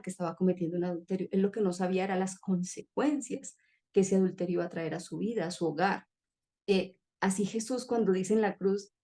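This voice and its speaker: A woman's voice: lowish voice, darkish tone. A woman telling an emotional personal testimony in an earnest, heartfelt conversational way. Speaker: guest sharing testimony.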